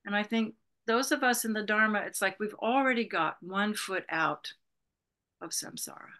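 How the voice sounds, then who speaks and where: A Berkeley, California woman in her sixties who leads Buddhist retreats talks with a sharp tone, medium pitch and moderate pace. As an interview guest she reflects casually, rambling and often saying "you know."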